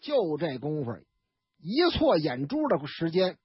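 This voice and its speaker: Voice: mid-range voice, sing-song, unhurried, husky, no echo. A radio storyteller with a Beijing accent, telling a tale in chatty colloquial style with sound effects and asides. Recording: dull, dry radio studio recording.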